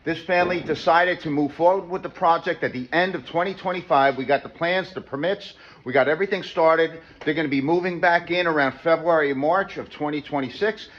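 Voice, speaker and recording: A man gives an upbeat sales pitch for his renovation company, repeating the key points as he walks through a house stripped to the studs. His voice sits a little high for a man. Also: fairly quick, hardly any pauses, highs cut off. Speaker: home renovation contractor presenting his company. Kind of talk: promotional walkthrough pitch. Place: gutted house under renovation, indoors.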